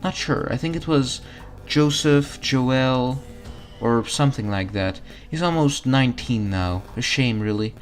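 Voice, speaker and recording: A motherly, folksy diner owner in a video game voiced by a man. The pitch is lifted and the manner is kindly. Faint music sits behind the voice. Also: a little slow, close to an everyday voice. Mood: gossipy. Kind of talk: reading video game dialogue aloud.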